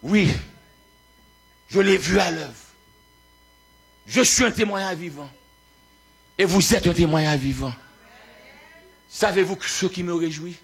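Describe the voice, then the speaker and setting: A man from Haiti with a Haitian accent, a pastor preaching a fervent sermon that swings between quiet storytelling and shouted exhortation. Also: high voice, takes it slowly, pauses often, breathy edge.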